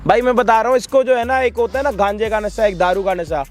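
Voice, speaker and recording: A man's voice: extremely high pitch, fairly even intonation, fast, over loud music. A man hosting a social video, preachy and scolding. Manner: preachy, scolding, addresses viewers as brothers. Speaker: prank and social video host. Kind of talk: emotional street-video presenting.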